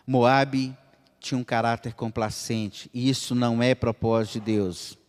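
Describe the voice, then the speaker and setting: A male pastor from Minas Gerais, Brazil, preaching a sermon with a Brazilian Portuguese accent, swinging between loud high exclamations and low quiet asides as he acts out dialogues. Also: steady tone, unhurried, smooth. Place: church hall. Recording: long church reverb.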